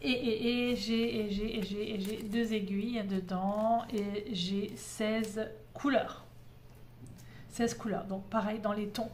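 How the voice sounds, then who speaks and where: A woman's voice: mid-range voice, fairly even intonation, takes it slowly, darkish tone, slight background noise. A woman vlogger chatting at home, enthusiastic and full of hesitations as she shows her craft kits. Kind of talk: casual show-and-tell chat.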